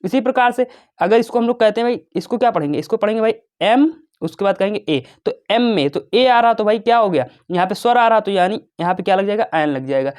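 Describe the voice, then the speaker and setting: A man's voice: sits high, expressive, fast talker, darkish tone. A young man teaching a casual lesson, chatty and brotherly, asking and answering his own questions. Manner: chatty, calls students "bhai" and "babu", asks and answers his own questions.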